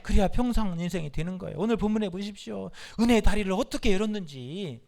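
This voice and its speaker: A male pastor preaches to his congregation with a high, restless voice that leaps up and drops down. He pushes the room into call-and-response and breaks into loud shouted commands. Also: lively intonation, fast talker, creaky. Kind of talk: sermon.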